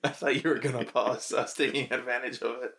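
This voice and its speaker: A man's voice: mid-range voice, steady tone, fast, heavy background noise. A man hosting a podcast, chatting casually in outtakes with wry, self-mocking jokes. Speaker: podcast host. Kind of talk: casual joking chat in outtakes.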